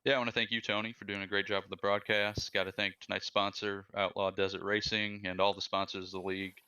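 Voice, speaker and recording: A man, a race driver, giving a relaxed post-race interview over voice chat. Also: on the low side, fast, smooth.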